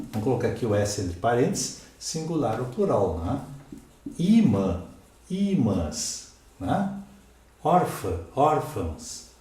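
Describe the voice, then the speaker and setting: With a mellow, medium-pitched voice in a very echoey room, a Brazilian man who teaches Portuguese goes through a grammar lesson at the board. Speaking with a Brazilian Portuguese accent, he explains each step, spells out letters, and keeps checking with "né?" and "ok?"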